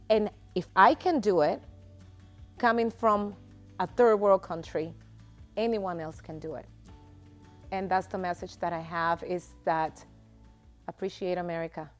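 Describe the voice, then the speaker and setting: A middle-aged woman, giving a personal testimony in a passionate, emphatic way. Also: lowish voice. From Dominican Republic. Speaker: guest.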